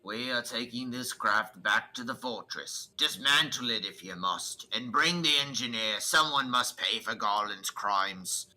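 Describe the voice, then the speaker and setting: A man voicing a haughty, contemptuous imperial officer, reading game dialogue aloud in a slow, commanding way. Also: mid-range voice, sharp tone, pitched above the performer's own voice, poor audio. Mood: scornful commanding.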